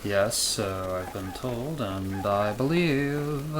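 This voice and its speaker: A man's voice: medium pitch, very slow. A man co-hosting a let's play, answering with brief, casual agreement. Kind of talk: casual gameplay chat. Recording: loud background noise.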